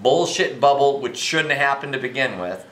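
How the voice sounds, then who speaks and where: Drunk american guy ranting and swearing, sharp bright voice, rambles, echoey room. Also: medium pitch, animated, moderate pace. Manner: emphatic, indignant, heavy swearing. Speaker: financial commentator. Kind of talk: profane off-the-cuff rant to camera. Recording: echoey, roomy sound.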